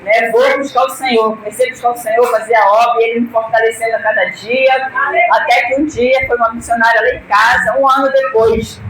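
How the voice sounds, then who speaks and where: A Brazilian woman giving an emotional religious testimony, fervent and swelling to near-shouts. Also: fairly high pitch, fairly even intonation, brisk. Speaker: church member giving testimony. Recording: echoey hall, distant mic, background noise.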